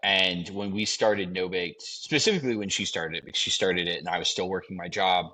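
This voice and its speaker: A man's voice: low voice, a little fast, bright, forceful tone, rough recording. A man in his thirties hosting a podcast, talking casually and enthusiastically with lots of "like" fillers. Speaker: podcast host.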